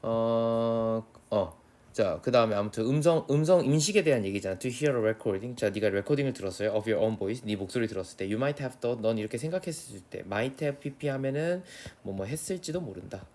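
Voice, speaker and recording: A man's voice: mid-range voice, animated, darkish tone. Casual Korean man teaching English. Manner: reads English lines slowly, then explains in quick casual speech with many tag questions. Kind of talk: exam prep lecture.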